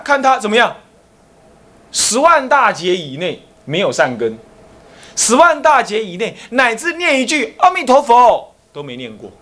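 Animated Taiwanese monk, lively storyteller. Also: male voice, sits high. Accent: Taiwanese Mandarin. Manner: animated storytelling, acting out dialogue between characters. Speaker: Buddhist abbot teaching a class. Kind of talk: Buddhist dharma lecture.

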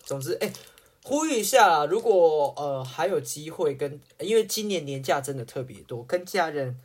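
Husky, animated woman. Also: deep voice, normal speed. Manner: animated, swearing, mimics others; often laughs. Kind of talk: casual chat.

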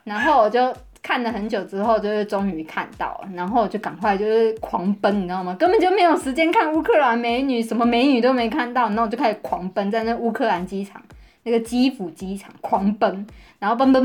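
A woman co-hosting a podcast, telling a story in an animated, casual way and often laughing. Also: a little high, quick pace. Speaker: podcast co-host.

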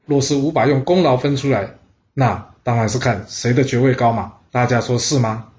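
A man's voice: medium pitch, moderate pace, darkish tone, lightly acted. A man voicing a proud, stubborn ancient duke who insists on his rank, in a storytelling reading, on a dull lo-fi recording. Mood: formal. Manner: indignant, insistent.

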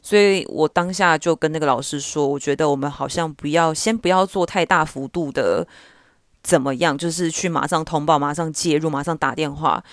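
A man's voice: a little high, moderate pace, a bit bright, dry recording, studio quality. A man who is a teacher hosts a podcast. He tells a story in an earnest, reflective way, slips English words in, and often restarts his sentences.

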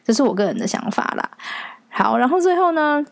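A woman's voice: sits high, brisk, gravelly, no echo. A young Taiwanese woman hosting a solo podcast, chatting casually and telling stories with a laugh. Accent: Taiwanese Mandarin. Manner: chatty, animated storytelling with frequent laughs. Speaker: podcast host.

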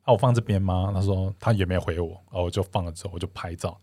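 A man's voice: sits low, steady tone, racing, warm tone, no echo, studio quality. A young man hosting a casual podcast chat, telling stories animatedly, acting out quoted lines with many restarts. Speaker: podcast host.

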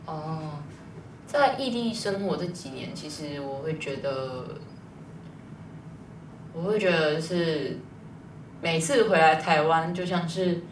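A young woman, a guest telling a personal story in a rambling, lively way. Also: deep voice, takes it slowly, pauses often, background noise. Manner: rambling, lively retelling with quoted dialogue. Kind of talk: casual storytelling in an interview. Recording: distant mic, roomy echo.

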